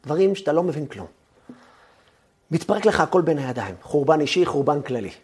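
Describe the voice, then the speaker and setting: High, lively male lecturer. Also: a little hiss or hum. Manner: animated storytelling, rising and dropping to a hush. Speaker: Torah lecturer.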